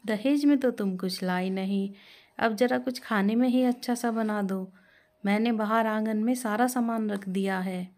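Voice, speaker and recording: A woman voicing a harsh, greedy older mother-in-law who scolds and taunts in a raised, shrill voice. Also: moderate pace, a little mellow, lightly acted. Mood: scolding.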